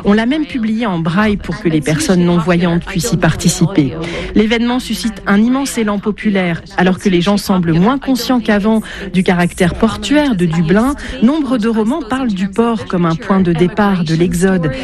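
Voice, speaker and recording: A woman reading a voice-over translation in a clear, informative way. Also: mid-range voice, moderate pace, music in the background. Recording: crowd chatter behind.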